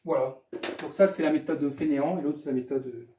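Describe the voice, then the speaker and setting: A man talks through a math exercise as a tutor, repeating words and adding casual asides as he goes. His voice sits a little high for a man but sounds mellow and soft-edged. The room around him rings with echo. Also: fairly quick, a little hiss or hum. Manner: thinks aloud, repeats himself, casual asides. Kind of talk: explaining a math exam correction.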